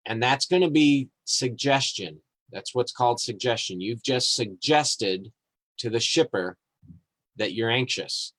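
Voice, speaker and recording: A man hosting a podcast in a relaxed, rambling way, reading passages aloud and chatting about them with fillers and small chuckles. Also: medium pitch, no room sound, low-quality recording. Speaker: podcast host. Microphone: live-streamed podcast mic.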